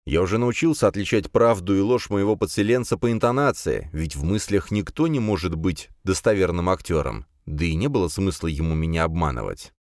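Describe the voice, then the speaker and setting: Expressive male audiobook narrator, lowish voice. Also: fairly quick, few pauses, no echo, clean studio sound. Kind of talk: scripted first-person audiobook narration.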